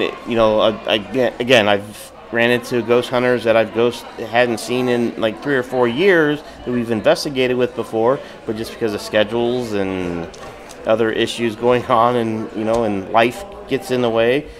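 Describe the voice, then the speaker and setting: Hesitant male podcast host. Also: mid-range voice. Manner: loose, hesitant, repeats himself. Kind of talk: casual live interview chat. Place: haunted hotel event.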